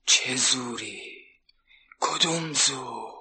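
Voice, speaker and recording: Casting: the tired storybook wind, husky, sighing, old radio play. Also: male voice, mid-range voice, bright, forceful tone, full character voice. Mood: weary. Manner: sighing, dismissive. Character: weary sighing male wind.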